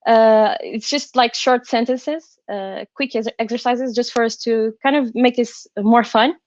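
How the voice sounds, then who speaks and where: A woman's voice: a little high, steady tone, darkish tone, no room sound, lo-fi sound. Careful, from a woman. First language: not English. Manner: careful English, hesitant and halting. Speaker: designer presenting a workshop. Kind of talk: online workshop presentation. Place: indoors on an online call.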